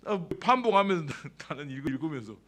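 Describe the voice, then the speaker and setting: A male pastor preaching a sermon in church in a conversational way, often asking the congregation rhetorical questions and swinging between loud emphatic lines and soft asides. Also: on the high side, sing-song, brisk.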